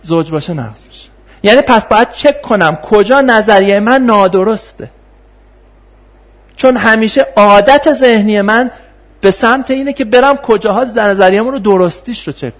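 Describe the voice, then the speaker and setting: Man, high-pitched voice, classroom lecture, rhetorical questions, thinking-aloud fillers. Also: expressive. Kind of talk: classroom lecture on philosophy of science.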